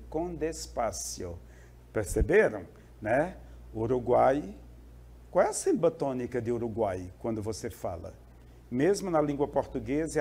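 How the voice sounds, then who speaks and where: A man's voice: mid-range voice, mellow, slightly rough. A male Spanish teacher explaining a lesson to students, often checking in with short questions. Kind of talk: classroom lesson.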